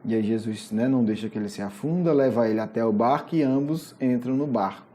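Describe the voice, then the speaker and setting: A spiritist lecturer with a Brazilian Portuguese accent, retelling a Gospel story in an animated, storytelling way and often adding questioning asides. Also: medium pitch, quick pace.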